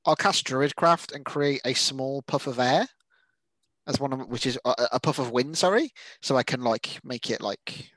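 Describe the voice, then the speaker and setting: A man's voice: medium pitch, moderate pace, a bit bright, dry recording. A man playing a tabletop game, chatting casually and hesitantly, often interrupting himself.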